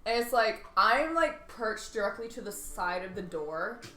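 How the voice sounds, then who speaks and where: A woman playing a tabletop game, chatty and excited, often laughing. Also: mid-range voice, unhurried, faint music behind. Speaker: player. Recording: echoey room.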